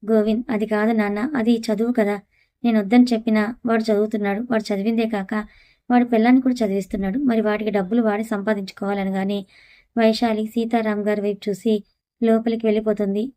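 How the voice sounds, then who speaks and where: A woman narrating a family audio story, reading every character's lines and the narration in one even voice. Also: mid-range voice, brisk, no echo.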